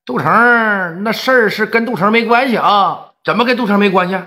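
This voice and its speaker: A man with a Northeastern Chinese accent voicing a tough, smooth-talking gang leader who speaks firmly and persuasively. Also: high voice, normal speed, sharp tone, voice pushed up. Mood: pleading. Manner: firm, persuasive.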